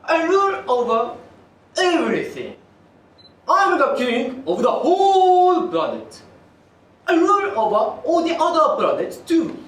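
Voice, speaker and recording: A woman's voice: extremely high pitch, sing-song, exaggerated voice. A young woman playing a bossy, pompous king. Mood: grand. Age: young adult. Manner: grand, commanding, drawn-out declarations. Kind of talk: student stage play. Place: theater stage. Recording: echoey hall from far off.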